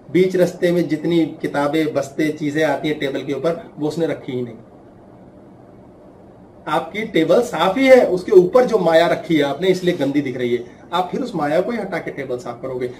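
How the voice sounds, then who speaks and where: Man, class teacher, animated, acts out voices, echoey room, faint hiss. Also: a little high, far from the mic. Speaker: spiritual teacher. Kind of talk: talk to a class.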